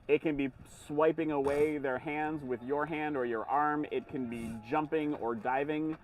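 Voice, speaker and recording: A man's voice: on the high side, fairly even intonation, unhurried, recorded from a distance. A man giving explanatory live sports commentary in long, running sentences. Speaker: color commentator.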